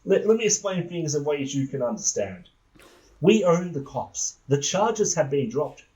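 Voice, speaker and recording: A man's voice: fairly high pitch, very animated, a little slow, darkish tone, poor audio. A man playing a sleazy, sexist corporate boss with a leering, condescending manner in a comedic table read. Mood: smug. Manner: leering, condescending, explains everything.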